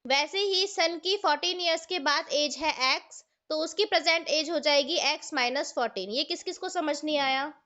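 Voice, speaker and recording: A woman's voice: high voice, normal speed, hardly any pauses, sharp tone. A woman with an Indian accent teaching a maths class online, explaining step by step and asking the students questions. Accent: Indian English. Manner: explains step by step, asks the students questions, mixes Hindi and English. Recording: dull lo-fi online class audio.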